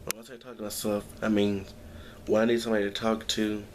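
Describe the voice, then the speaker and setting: Crowd noise can be heard as a young man talks to his camera at home in a rambling, gloomy vlog full of sighs and false starts. He speaks fast, in a lowish voice with a level tone.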